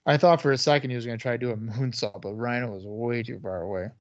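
A man's voice: medium pitch, steady tone, fast talker. A man co-hosting a podcast, chatting casually and reacting to wrestling, on a slightly dull, lo-fi microphone. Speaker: podcast co-host.

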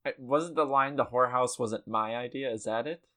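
A man co-hosting a casual podcast, laid-back and quick to laugh. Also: medium pitch, fairly bright tone. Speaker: podcast co-host.

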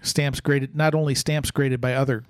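A man explaining as a podcast expert, casual but measured and halting in the way he talks. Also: medium pitch, little pitch movement, no room sound, clean studio sound.

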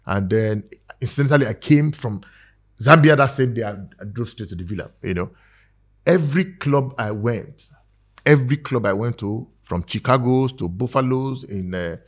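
A man's voice: mid-range voice, expressive, normal speed. A man with a Nigerian accent, speaking as a guest in a casual talk-show discussion, earnest and persuasive, with many fillers and restarts. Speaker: guest advocating for skit makers.

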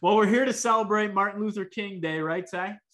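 A man hosting a casual interview show, upbeat and quick to react as he asks questions. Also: sits high, fairly bright tone. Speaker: talk show host.

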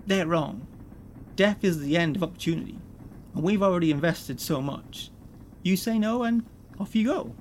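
A man's voice: high-pitched, moderate pace, a little hiss or hum, lightly acted. A man putting on a smug slick corporate executive. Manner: breezy, condescending, amused.

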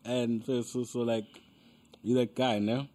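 A man's voice: medium pitch, flat delivery, a little slow, dark tone. A young South African man hosting a casual interview, talking in slang and mixing in Zulu phrases. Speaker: podcast host.

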